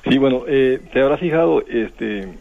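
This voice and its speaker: A man's voice: medium pitch, normal speed, gravelly. A man with a Costa Rican accent tells a folk legend on a radio program in a rambling way, full of restarts and questioning tags. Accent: Costa Rican Spanish. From Costa Rica. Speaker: guest storyteller. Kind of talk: relaxed radio storytelling. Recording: tinny phone line.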